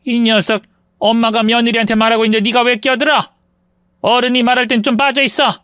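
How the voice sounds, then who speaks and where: A man voicing a nagging, pushy older mother-in-law who scolds in a shrill, meddling way. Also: normal speed, a bit bright, smooth, no echo, studio quality. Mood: scolding. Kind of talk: storybook voice acting.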